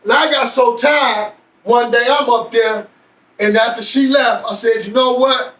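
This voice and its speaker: A man telling a personal story in a slow, deliberate way with long pauses. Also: very high voice, steady tone, fairly bright tone. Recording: echoey room, far from mic.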